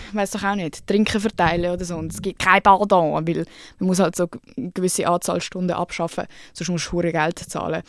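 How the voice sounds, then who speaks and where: A young woman in her twenties with a Swiss German accent, hosting a podcast and telling a story in a casual, slangy, animated way with frequent swearing. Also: mid-range voice, no room sound, clean studio sound. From Switzerland. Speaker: podcast host.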